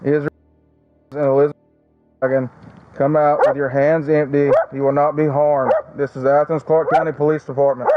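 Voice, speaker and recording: A male police officer giving firm, slow commands through a police car loudspeaker. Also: a little high, little pitch movement, no echo, dull audio, soft background music.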